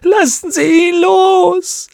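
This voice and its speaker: A terrified witch woman begs in a high, breaking, crying voice, as a man voices her. Her words come slowly and unevenly. The sound is close and dry. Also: steady tone, vocal fry, darkish tone, no room sound, heavily acted. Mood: desperate pleading. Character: tortured, terrified witch woman pleading desperately. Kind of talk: audiobook reading.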